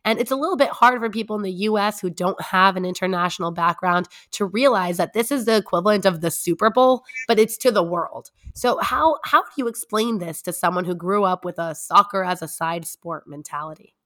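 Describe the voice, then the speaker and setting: A young woman talks as a podcast co-host in a conversational way. Her voice is hoarse and raspy, worn down by a cold until it is nearly gone. The pitch sits in an ordinary middle range for a woman. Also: brisk, few pauses, fairly bright tone. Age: young adult.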